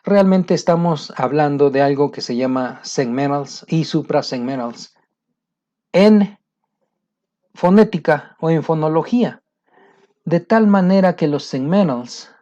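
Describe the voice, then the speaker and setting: Slow, mellow-voiced man teaching. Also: a little high. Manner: hesitant, many fillers and restarts. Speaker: English teacher. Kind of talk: casual spoken lesson. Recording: dull lo-fi sound.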